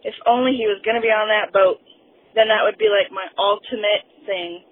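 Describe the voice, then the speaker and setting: A woman leaving a gushing, excited voicemail on speakerphone from her car, over a phone line. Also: mid-range voice, brisk, husky. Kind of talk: casual rambling phone message. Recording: tinny phone line with faint car noise.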